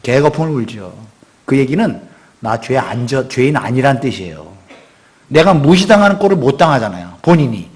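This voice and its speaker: A middle-aged man preaching a sermon as pastor, talking conversationally and acting out quotes with sudden loud outbursts. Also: mid-range voice, big pitch swings, moderate pace, a little hiss or hum. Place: church sanctuary.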